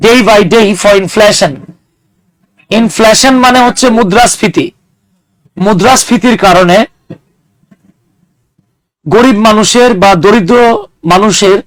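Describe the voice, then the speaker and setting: A man's voice: high voice, no echo, low-quality recording. A man teaching an English grammar class, explaining with everyday examples and putting questions to his students. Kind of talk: classroom lecture.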